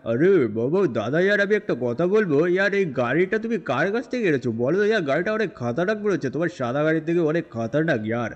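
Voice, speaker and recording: Chatty high-voiced man playing a game hero. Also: very animated, rapid-fire, few pauses, dull audio. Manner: rambling, chatty, repeats fillers. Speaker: gameplay narrator and role-player. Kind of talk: game role-play narration.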